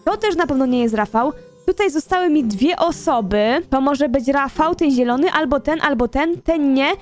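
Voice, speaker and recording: A woman's voice: high voice, expressive, normal speed, faint music behind. A young woman giving casual gameplay commentary, chatty and thinking aloud as she plays. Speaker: gaming YouTuber.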